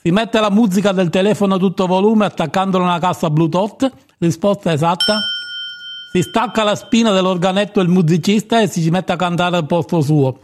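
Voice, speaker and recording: A man's voice: high voice, a little fast, darkish tone, natural voice. An actor playing a crude, easily irritated man who rambles bluntly as the quiz master of a comic radio sketch. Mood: blustering. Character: crude, cantankerous man hosting an absurd etiquette quiz.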